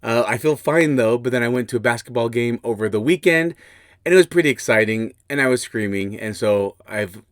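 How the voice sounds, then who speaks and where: This man speaks fairly quickly at a medium pitch, with a somewhat scratchy quality, as he casually walks listeners through a topic on his podcast. He thinks aloud and frequently starts sentences over. The studio sound is clean and free of echo.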